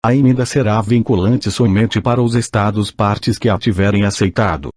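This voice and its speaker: A synthesized male voice, like an old speech synthesizer, reading a formal audiobook in a mechanical, stilted and measured way. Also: on the low side, steady tone, darkish tone, no echo, studio quality.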